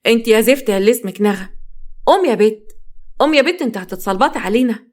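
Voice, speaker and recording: A woman's voice: a little high, expressive, quick pace, darkish tone, lightly acted. A woman narrator voicing a harsh, scolding mother-in-law with an Egyptian accent. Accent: Egyptian Arabic.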